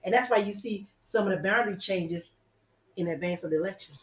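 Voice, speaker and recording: A woman's voice: medium pitch, a little fast, reverberant, poor audio. A woman giving blunt, sardonic opinions in a casual discussion.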